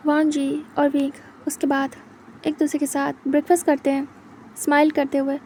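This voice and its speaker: A woman reads a fan fiction story aloud in a high, mellow voice. Her delivery is plain and steady, with little rise and fall. She narrates evenly from line to line. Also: moderate pace, slight background noise.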